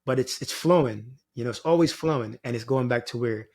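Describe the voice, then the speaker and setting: A Jamaican spiritual guide appears as a podcast guest, his medium-pitched, darkish voice moving fairly quickly. He reflects in a meandering, informal way, sprinkling in plenty of "you know" and "like".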